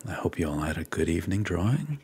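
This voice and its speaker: A man putting on a smooth radio announcer voice, deep and slowed to a croon. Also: big pitch swings, darkish tone, exaggerated voice.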